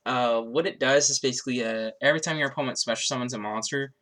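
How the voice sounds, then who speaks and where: Speaking fast in a medium-pitched, slightly bright voice, a mildly ill man with a blocked nose and sore throat casually talks through his card deck. He rambles, leans heavily on fillers, and keeps restarting.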